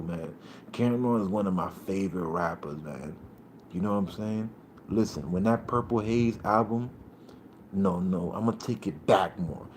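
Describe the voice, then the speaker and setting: A man in his thirties from Puerto Rico hosting a casual livestream, rambling in streetwise slang and shouting out viewers by name. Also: on the low side, a little hiss or hum. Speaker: livestream host.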